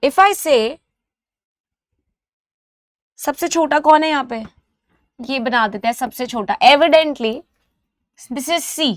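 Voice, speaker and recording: A woman with an Indian accent teaching a grammar lesson, slow and careful in English and rapid in Hindi, spelling out letters and repeating example words. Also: sits high, dry recording, clean studio sound.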